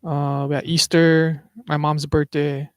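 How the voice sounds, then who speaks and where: A man's voice: on the high side, little pitch movement, a little slow, smooth, dry recording. Easygoing local Hawaii man, dry sound. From Wai'anae, Hawaii. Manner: easygoing, hesitant with fillers. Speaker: podcast guest. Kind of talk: casual chat.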